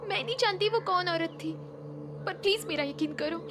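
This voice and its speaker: A woman's voice: very high-pitched, normal speed, noisy background. An actress playing an anxious young woman who pleads to be believed in a TV horror drama. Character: frightened young woman, grieving daughter. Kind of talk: Hindi TV horror drama acting. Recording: music score behind the voice.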